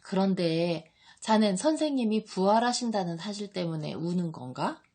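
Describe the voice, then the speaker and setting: A woman's voice: mid-range voice, moderate pace, mellow, close to an everyday voice. A woman reading an audiobook, voicing a resentful male disciple who mocks and complains. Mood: mocking. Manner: mocking, indignant.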